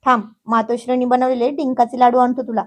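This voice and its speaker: A woman's voice: on the high side, flat delivery, brisk, lightly acted. A woman voicing an exasperated young man who scolds and teases, still patient underneath. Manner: scolding, teasing.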